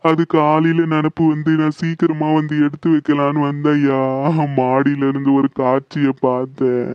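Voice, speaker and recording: A man's voice: on the high side, monotone, moderate pace, smooth, dry recording, close to an everyday voice. A man voicing a frightened, pleading village servant in a horror cartoon. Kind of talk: Tamil horror cartoon dub. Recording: dull dry lo-fi recording.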